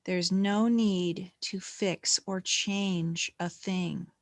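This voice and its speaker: Leading a guided meditation, this woman speaks in a fairly low voice, calm and gentle, unhurried, with long gaps between phrases. There's no echo.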